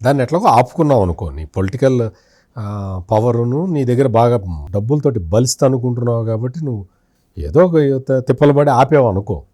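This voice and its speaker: A man's voice: mid-range voice, expressive, fairly quick, warm tone, dry recording, studio quality. A man, a senior journalist, giving accusing political commentary in an interview, firing rhetorical questions at an absent politician.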